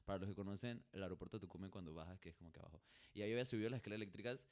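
A man, co-hosting a casual chat and telling a lively personal story, laughing often and dropping English slang. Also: low voice, racing. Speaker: podcast co-host.

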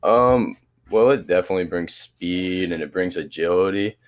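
Teen male athlete, very low voice, laid-back and halting in interviews. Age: teenager. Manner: easygoing, hesitant with many restarts. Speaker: student athlete. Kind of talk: casual interview answers.

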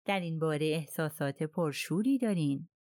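Woman reading polite pushy detective asking questions, lowish voice, dry close sound. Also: expressive, a little mellow, dry recording. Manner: probing, politely persuasive. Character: persistent foreign detective questioning witness, man.

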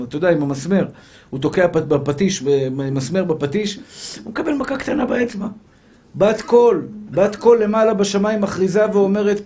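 High-voiced man preaching a lively sermon. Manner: animated, acts out little scenes and voices; rhetorical questions, repeats key phrases. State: slightly slurred speech after tooth extractions. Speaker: rabbi.

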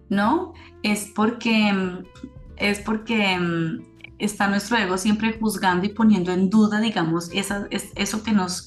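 A woman giving a spiritual teaching in a casual way, working through her thoughts and often checking in with tag questions. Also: medium pitch. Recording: roomy echoey sound.

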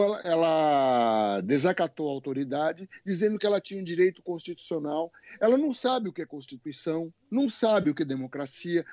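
A man with a Brazilian Portuguese accent, a guest telling stories in a colloquial, animated way and swearing now and then. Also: sits high, no echo, highs cut off. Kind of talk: casual podcast conversation.

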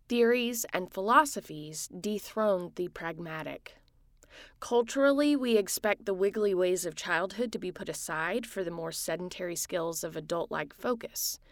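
A woman giving scripted, explanatory narration in an even voice. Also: mid-range voice, dry recording, studio quality.

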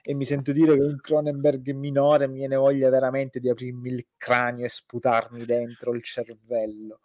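A man's voice: mid-range voice, completely flat delivery, moderate pace, darkish tone, dry recording, studio quality. A man in a casual, opinionated film chat, speaking vehemently and sarcastically and swearing freely. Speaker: podcast co-host.

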